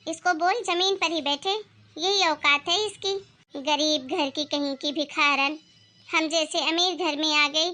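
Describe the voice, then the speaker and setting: A woman's voice: high voice, fairly even intonation, unhurried, sharp tone, voice pushed down. A woman voicing a scornful, wealthy older mother-in-law in a cartoon, talking down with contempt. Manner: haughty, contemptuous. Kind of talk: cartoon voice acting.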